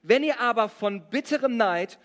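High-voiced preacher man in a big hall. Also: lively intonation, normal speed, fairly bright tone. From Germany. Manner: preaching with humorous storytelling. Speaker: pastor. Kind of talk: sermon. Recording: long reverb of a large hall.

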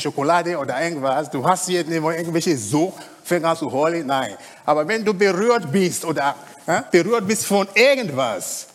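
High, lively preacher in a hall. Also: male voice. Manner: conversational preaching, frequent "ja?" tag questions. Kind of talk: sermon.

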